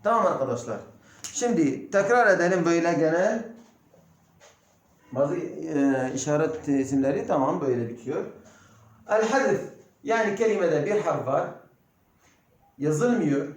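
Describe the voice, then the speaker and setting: Turkish-accented male language teacher, high voice, slow drill-style repetition, heavy room echo. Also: animated. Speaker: Arabic teacher. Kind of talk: recorded classroom lesson. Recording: very echoey room.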